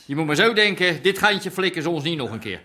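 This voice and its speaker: An actor playing a folksy, determined gang elder in a radio drama, philosophising. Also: male voice, a little high, sing-song, fast, background noise. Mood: rallying. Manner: philosophical pep talk, folksy.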